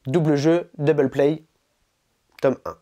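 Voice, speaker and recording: A woman's voice: low-pitched, slow pace, muffled recording. A woman hosting a manga channel, chatting casually and enthusiastically through an unboxing. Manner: animated, chatty and enthusiastic, with laughs.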